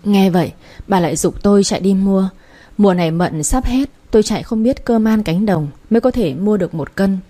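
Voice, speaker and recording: Female storyteller, first-person narration, warm and mellow, steady delivery. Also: mid-range voice, fairly quick.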